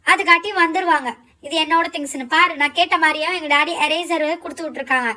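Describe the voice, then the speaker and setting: Stubborn, boastful schoolgirl doll , a woman doing the voice, pitched very high. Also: fast, sharp tone. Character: bossy sulking schoolgirl Fouziya. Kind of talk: doll show role-play.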